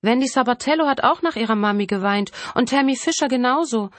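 A woman's voice: a little high, fast, no room sound, pitched above the performer's own voice, natural voice. A woman voicing a grown male killer who sneers and taunts, savoring his power, in a dry, close reading. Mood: taunting.

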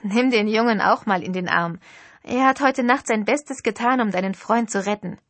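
A woman voicing a brisk, bossy young female friend in an audiobook, teasing in a breathy voice. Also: mid-range voice, dry recording, natural voice.

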